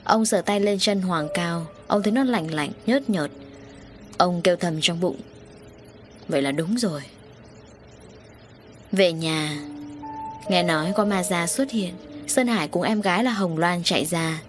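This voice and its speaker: A woman narrating an audio story in a steady, even way. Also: lowish voice, moderate pace. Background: faint background music.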